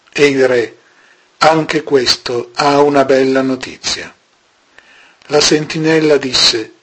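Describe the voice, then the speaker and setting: A man reads scripture aloud at an unhurried pace, leaving long pauses between phrases. His voice is husky and breathy and sits at an ordinary male pitch. The delivery stays measured and solemn throughout. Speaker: scripture reader. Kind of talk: slow scripture reading.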